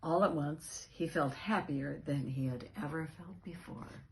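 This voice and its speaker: A woman with a deep voice reads a children's picture book aloud at a measured pace, expressively stressing key words and adding storyteller asides. She is the founder of a reading organisation, and the recording has a slight hiss or hum.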